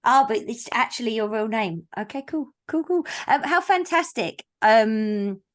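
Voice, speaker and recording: A woman with a slightly high, animated voice speaks unhurriedly as host of a book launch on a video call. She keeps it chatty and playful, ribbing the audience and admitting she's a stickler for rules. The audio is captured by a video call mic.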